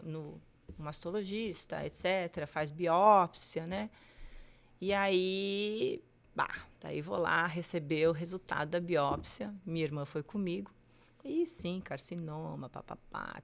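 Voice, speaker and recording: A woman, telling her personal story candidly and haltingly, with many fillers. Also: fairly low pitch, gravelly. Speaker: guest sharing her cancer story.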